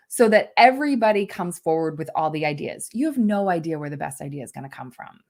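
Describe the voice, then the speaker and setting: Woman coach on a live video call, chatty and upbeat, lower voice, keeps saying right?. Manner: casual, upbeat, says "right?" often. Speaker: team coach presenter. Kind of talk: live online workshop talk.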